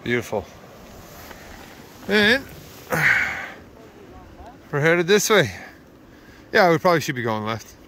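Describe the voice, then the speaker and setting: A tired man vlogs on a canoe trip across wilderness lakes and rivers, filmed outdoors on a handheld camera. His voice sits on the high side and has a sing-song lilt. He talks slowly and pauses often, rambling easily with fillers and laughs over background noise.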